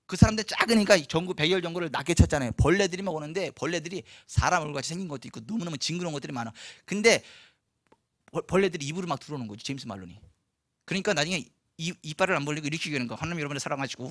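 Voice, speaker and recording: A man preaching a storytelling sermon as pastor in a church, animated, acting out the people in his story. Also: high voice, no room sound, clean studio sound. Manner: animated, acts out quoted voices, laughs often.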